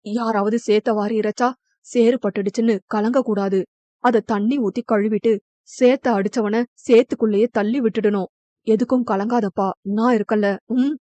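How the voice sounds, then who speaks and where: A woman voicing a protective young man who gently reassures in a storybook reading. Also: on the high side, fairly even intonation, moderate pace, dry recording, voice pushed down, natural voice. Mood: reassuring.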